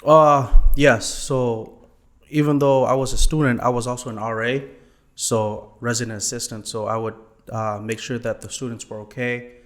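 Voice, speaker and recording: A man's voice: medium pitch, fairly even intonation, normal speed. A young man from Thailand answering interview questions politely, often saying yes sir and um. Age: young adult. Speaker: guest, former college student.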